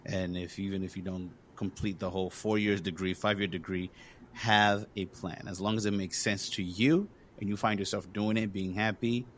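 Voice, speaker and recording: A Congolese man hosts a podcast in a deep, steady voice at normal speed, with slight background noise. His casual conversation is earnest and encouraging, full of fillers.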